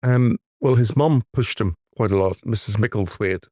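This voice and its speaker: Middle-aged co-host, lower voice, relaxed halting delivery, dry recording. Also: male voice, no echo. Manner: easygoing, halting restarts. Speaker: podcast co-host. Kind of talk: casual chat.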